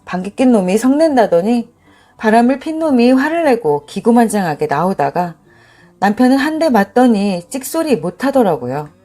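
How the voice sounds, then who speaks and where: A woman narrating a dramatic first-person story with an expressive, emotionally charged delivery. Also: a little high, moderate pace.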